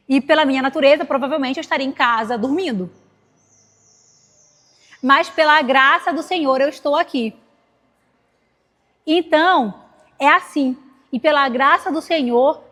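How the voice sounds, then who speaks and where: High-voiced woman preaching in a reverberant hall. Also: fairly bright tone. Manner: conversational, personal storytelling with direct address. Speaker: preacher at a women's gathering. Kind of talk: sermon.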